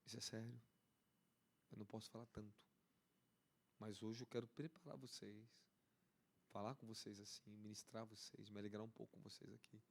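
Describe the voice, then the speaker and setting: A man with a Brazilian Portuguese accent preaching a charismatic sermon as an apostle, fervent and repetitive, rising to excited peaks. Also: fairly low pitch, moderate pace, gravelly, pauses often.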